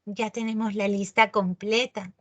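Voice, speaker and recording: A woman teaching a grammar lesson, talking in an animated, emphatic way and checking in with tag questions. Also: medium pitch, a little slow.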